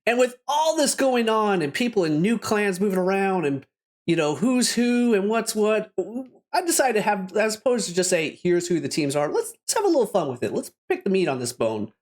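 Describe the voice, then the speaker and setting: A man's voice: sits high, sing-song, normal speed. A man from Canada hosting a casual gaming podcast, upbeat and laughing often, with loose restarts. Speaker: podcast host.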